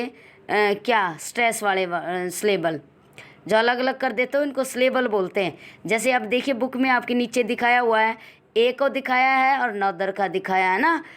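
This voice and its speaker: A young woman teacher with an Indian English accent explaining an English textbook exercise, drilling the class with repeated questions and calling her students beta. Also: a little high.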